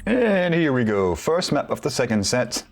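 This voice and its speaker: A man's voice: mid-range voice, sing-song, moderate pace, soft background music. A man giving casual solo commentary on a competitive video game match, rambling with self-deprecating asides.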